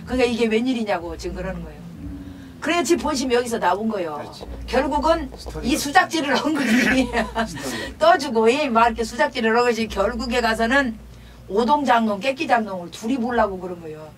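A woman's voice: a little high, animated, fast talker, background noise. A woman teaching a Korean folk song, explaining the verses in a chatty, laughing, storytelling way. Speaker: pansori teacher. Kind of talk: sung folk verse then casual spoken explanation. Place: traditional music class room. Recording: singing class recorded from far off, music behind.

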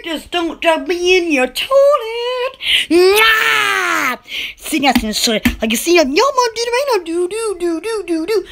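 A young woman with a Southern accent, chatting excitedly on a live stream from her bedroom, squealing and rambling. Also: extremely high pitch. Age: young adult. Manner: giddy, squealing, repeats herself, rambling. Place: small bedroom indoors. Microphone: webcam close up.

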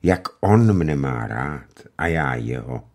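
A man's voice: a bass voice, lively intonation, darkish tone, pitched below the performer's own voice, full character voice. A man voicing a troubled young village woman in love, confiding and sorrowful. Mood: confiding, sad.

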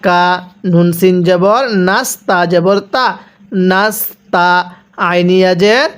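A patient recitation teacher moves through the lesson very slowly, spelling out each letter and vowel mark before stretching out whole words. The voice is smooth and clear, and every word is drawn out for listeners to repeat. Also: medium pitch.

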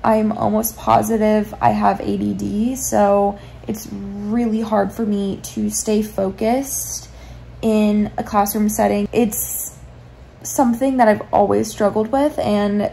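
A woman's voice: medium pitch, flat delivery, takes it slowly, creaky, slight background noise, rough recording. A woman in her twenties, lying in bed, chatting casually into a phone camera about her life in a reflective, meandering way. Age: 20s. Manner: reflective, meandering, soft-spoken. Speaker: vlogger. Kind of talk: casual confessional chat. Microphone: phone camera held at arm's length.

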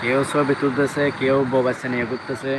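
A Bangladeshi man livestreams casually from a beach with a mid-pitched voice. He talks quickly and repetitively, urging viewers to look. Clear outdoor noise and waves sit behind his voice. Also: flat delivery. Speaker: livestream host. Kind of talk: casual live vlog commentary. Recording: noisy outdoor live stream. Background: outdoor ambience, sea waves.

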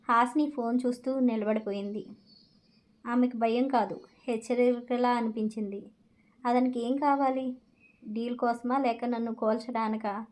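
Woman storyteller, scripted dramatic narration in short lines, slightly high voice. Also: a little mellow, low-quality recording.

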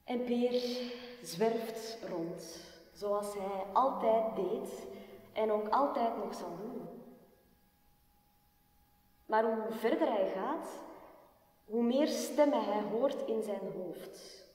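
A woman telling a story in a live performance, expressive and at times dropping almost to a whisper. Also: mid-range voice. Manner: slow, expressive, drops to near-whisper. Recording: far-off voice in a reverberant hall.

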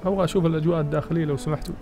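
Excitable fast-talking gamer. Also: male voice, a little high, soft background music. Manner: excitable, chatty, talks to viewers and reads game text aloud. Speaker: gaming channel host. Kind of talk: let's play commentary.

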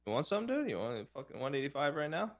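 A man's voice: on the high side, big pitch swings, very fast. A man bantering and teasing his friends on a stream. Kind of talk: casual banter.

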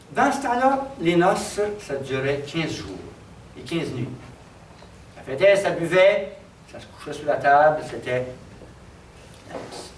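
A Québécois man tells an old folk tale with animated, dramatic delivery. His voice sits slightly high and sounds roomy, picked up from a distance with faint background noise. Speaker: storyteller. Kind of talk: oral folk-tale telling.

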